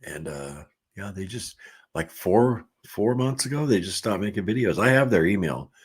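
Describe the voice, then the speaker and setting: A middle-aged man hosting a casual livestream, reading viewer comments aloud and chatting in a relaxed way with frequent laughs. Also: lowish voice, moderate pace, husky.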